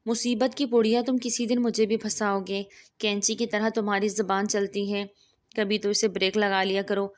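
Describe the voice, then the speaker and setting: A woman's voice: mid-range voice, flat delivery, lightly acted. A woman voicing an irritated young woman scolding a prankster in a read-aloud story.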